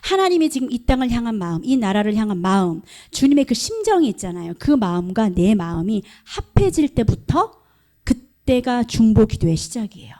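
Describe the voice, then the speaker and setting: A woman's voice: fairly high pitch, big pitch swings, normal speed, mellow. A middle-aged woman pastor preaching a sermon at a prayer meeting, emphatic and questioning the congregation. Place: church hall.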